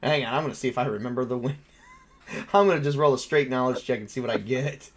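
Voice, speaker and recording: A man with a medium-pitched voice serves as game master for a tabletop role-playing game. His narration is casual and halting as he improvises.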